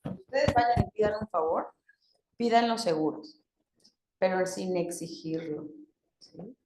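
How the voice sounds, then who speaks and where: A woman's voice: mid-range voice, unhurried, darkish tone, slight background noise. A woman giving an interactive talk to a group. She asks them questions and acts out different tones of voice as examples. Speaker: workshop speaker. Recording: echoey room.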